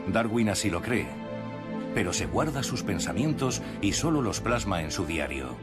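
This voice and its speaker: A man with a fairly low voice narrates a nature documentary from a script. Music plays clearly behind him as he speaks. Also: sing-song, normal speed. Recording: music under the voice. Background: prominent music.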